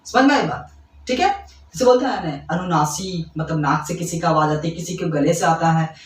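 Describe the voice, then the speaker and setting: Explaining grammar to school students, a man repeats himself, keeps checking they follow with "ठीक है" and quick questions, and affectionately calls them kids. His voice is on the high side, picked up by a distant mic in an echoey room during this classroom-style lesson.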